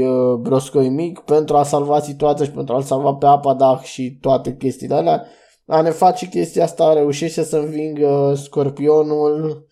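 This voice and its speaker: A young man talks through a solo podcast review, rambling and chatty. His voice sits a little high but sounds mellow and warm. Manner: chatty, loose and rambling, with restarts and fillers. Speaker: podcast host.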